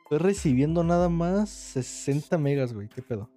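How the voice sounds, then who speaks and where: Give the voice of a young Mexican man with a dark, relaxed tone. He chats casually as on a livestream, full of slang and swearing, with music faintly present. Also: on the high side, normal speed.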